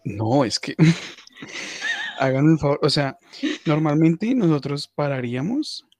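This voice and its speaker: A man's voice: on the high side, lively intonation, moderate pace, darkish tone. Ranting man hosting a comedy podcast. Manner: crude, exasperated ranting with mock-pious asides. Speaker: podcast host.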